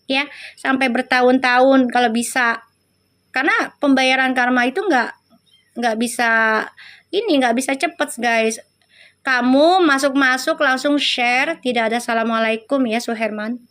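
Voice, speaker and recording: Woman, with a tinge, high voice; teasing, chatty tarot reader on a livestream. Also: measured pace, fairly bright tone. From Indonesia. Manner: chatty, teasing, affectionate, laughs often. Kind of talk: casual livestream chat with viewers.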